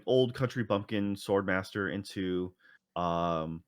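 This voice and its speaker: Slow and smooth, a low-voiced male podcast co-host chats casually, rambling with many fillers and restarts. The clean studio sound has no room sound.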